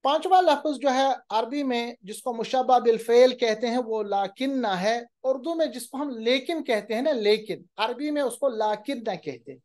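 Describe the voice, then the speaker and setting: Patient woman teacher, slightly high voice. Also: a little mellow. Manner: slows down to recite example phrases carefully; patient explaining, often checks in with "okay". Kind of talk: grammar lecture.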